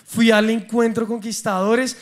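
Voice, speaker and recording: A young man with a Colombian accent, preaching a sermon and telling personal stories in an animated, humorous way. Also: very high voice, a little slow. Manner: animated, humorous storytelling with acted dialogue.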